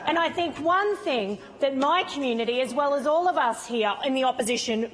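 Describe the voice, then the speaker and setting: A woman's voice: high-pitched, a bit bright, low-quality recording. A woman with an Australian accent giving an emphatic parliamentary speech as an opposition member, repeating phrases for effect. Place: parliamentary chamber.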